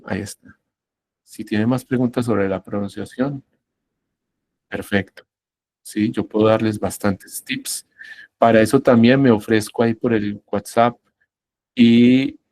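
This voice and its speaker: A man teaching an English pronunciation class, explaining patiently, checking in often with his students and modelling words slowly. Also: mid-range voice. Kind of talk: online English lesson.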